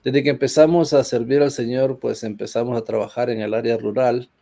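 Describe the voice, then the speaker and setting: A man from Honduras who pastors a rural church, talking earnestly with a gravelly edge. His tone is dark and mellow, and he pauses often on fillers. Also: mid-range voice, fairly even intonation. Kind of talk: conversational church talk.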